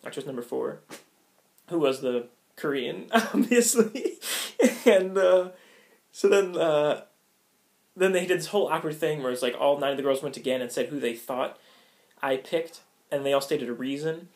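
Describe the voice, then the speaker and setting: A man's voice: on the high side, normal speed, a little mellow. A young American man telling a story casually, rambling with many fillers and frequent laughs. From United States. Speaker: vlogger.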